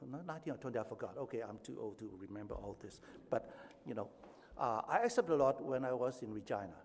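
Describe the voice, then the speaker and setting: Older guy from hong kong preaching, swings from loud emphatic bits to chatty asides, long echoey hall. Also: mid-range voice, animated, quick pace, slight background noise. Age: 70s. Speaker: pastor. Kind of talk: sermon.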